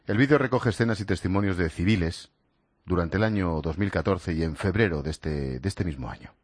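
A man's voice: deep voice, a little fast, slightly rough, no echo. Man, radio host, very dry close sound, conversational. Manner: conversational, speaks straight to the listener. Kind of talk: radio show presenting.

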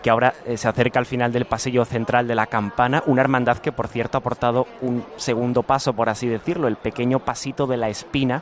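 A man gives live commentary from a city street, speaking in an even, level voice with little rise and fall. He describes the procession steadily and catches himself with small restarts as he goes. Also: mid-range voice, fast, few pauses. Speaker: field reporter.

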